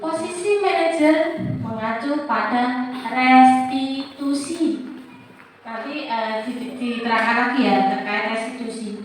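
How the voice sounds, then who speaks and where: A woman's voice: sits high, slow. A woman teacher presents to fellow teachers, acting out classroom exchanges in a sing-song voice. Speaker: teacher leading a workshop. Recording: echoey room, mic from far off, faint noise.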